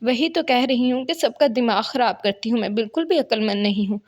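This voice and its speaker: Spoiled, stubborn young bride in a storybook reading, whiny and theatrical; a woman does the voice, a bit high. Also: lightly acted. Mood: mock-sad. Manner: whiny and melodramatic. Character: spoiled, stubborn young wife, playfully dramatic.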